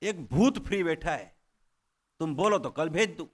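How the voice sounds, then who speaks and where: A man voicing God, who speaks calmly in a dream, in a storytelling talk. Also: fairly high pitch, a little slow, voice pushed down. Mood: offhand.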